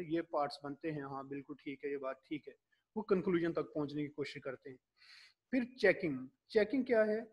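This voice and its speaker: Husky higher-voiced male lecturer. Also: darkish tone. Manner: mixes Urdu with English terms, poses rhetorical questions. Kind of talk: classroom lecture.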